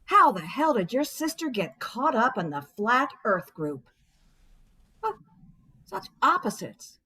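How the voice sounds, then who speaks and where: Bitter, sarcastic wife who is a therapist, played by a woman in a stage monologue; higher voice with a lively range. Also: full character voice, rough recording. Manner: sarcastic, exasperated. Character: bitter wife, a therapist, ranting at her husband. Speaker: stage actor. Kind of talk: theatrical monologue.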